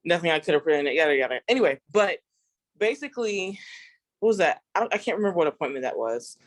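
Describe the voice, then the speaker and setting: A woman's voice: sits low, expressive, fast, dry recording. A young adult woman telling a personal story in a casual group talk, acting out the voices she quotes. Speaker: group member sharing a testimony.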